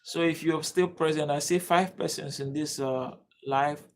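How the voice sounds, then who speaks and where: This livestream host and teacher from Nigeria speaks at a measured pace, his voice on the high side and his tone steady. Throughout the lesson he repeatedly begs his audience to leave comments and subscribe.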